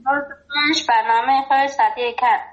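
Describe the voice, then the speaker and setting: A woman's voice: high voice, steady tone. A woman from Farah province in Afghanistan with a Farahi Dari accent, calling in to a show and chatting playfully, laughing often. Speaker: caller. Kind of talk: phone call-in chat. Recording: dull phone line.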